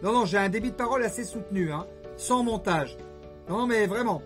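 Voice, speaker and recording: A man's voice: high-pitched, a little fast, fairly bright tone, soft background music. A man chatting casually to his viewers as a YouTuber, rambling with jokey conversational asides. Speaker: YouTuber host. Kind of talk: casual vlog chat to camera.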